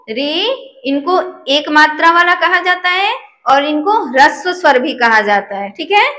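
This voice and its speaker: A woman's voice: very high-pitched, sharp tone. A woman teaching a lesson, patient, often checking whether her listeners understand. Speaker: Sanskrit teacher. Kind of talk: slow classroom lesson. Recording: echoey room.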